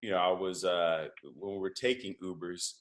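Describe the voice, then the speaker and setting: A man who is a comedian and podcast host, telling stories as a guest in a conversational interview, animated, with lots of fillers and restarts. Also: low-pitched, moderate pace.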